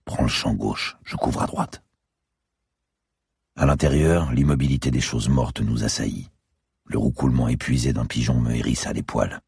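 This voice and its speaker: A man reads a dark crime thriller in the first person at a measured, descriptive pace. His voice is extremely deep and gravelly, with a strongly husky texture. It is recorded close and dry, with no room sound. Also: no echo. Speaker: audiobook narrator.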